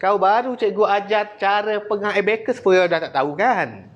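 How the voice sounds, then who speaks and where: Malaysian Malay man, kids' abacus teacher, playful, teasing, slightly high voice, swings from loud drill calls to low asides. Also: moderate pace, dull audio. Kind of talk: classroom lesson to children.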